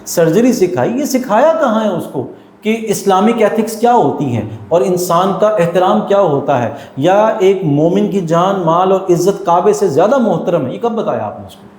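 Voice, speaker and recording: A man's voice: sits high, lively intonation, darkish tone, roomy sound. A man, a teacher, telling stories and explaining his views earnestly in an interview, mixing in English terms. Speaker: teacher and guest. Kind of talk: storytelling in an interview.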